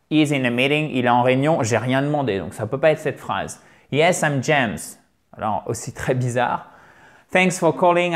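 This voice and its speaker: A man teaching English phone phrases in a video lesson, lively, drilling the same phrases over and over slowly. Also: medium pitch.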